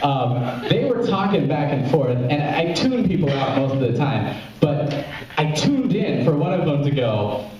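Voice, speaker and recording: A young Memphis comedian from Tennessee, US, rambles through open mic stand-up in a small club with a live crowd, interrupting himself and laughing at his own jokes. His fairly high voice is sing-song, unhurried and darkish. The muffled recording, with a little hiss or hum, is very echoey and distant.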